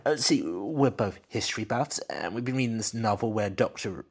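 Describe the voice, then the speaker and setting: A man's voice: on the low side, animated, breathy edge, voice pushed up. A man voicing a distraught husband who talks in a shaky, stammering way full of fillers. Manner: stammering, halting, with many fillers. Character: shaky, distraught middle-aged man, grief-stricken husband.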